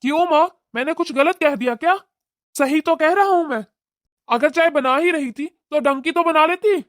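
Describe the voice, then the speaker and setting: A woman voicing a sharp-tempered young married son in a cartoon, talking in a scolding, irritable way. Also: high voice, moderate pace, no echo, clean studio sound, natural voice. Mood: defensive.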